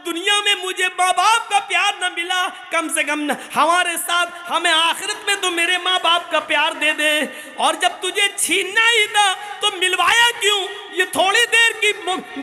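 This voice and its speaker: Male preacher, impassioned sermon, very high pitch, shouting and chanting, faint background music. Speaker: Islamic preacher. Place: public religious gathering.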